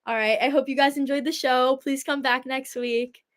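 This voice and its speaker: A teenage girl hosting a school sports talk show, quipping and punning, her voice squeaky and strained. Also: steady tone, moderate pace. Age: teens. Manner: playful, punning sports quips. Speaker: host.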